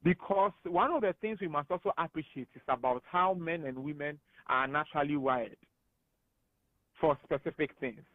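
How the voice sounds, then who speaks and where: A man with a Ghanaian English accent, speaking as a guest analyst on a radio talk show, animated and emphatic. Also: on the high side, moderate pace, dry recording. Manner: animated and emphatic, laughs often. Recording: tinny phone-like radio studio sound.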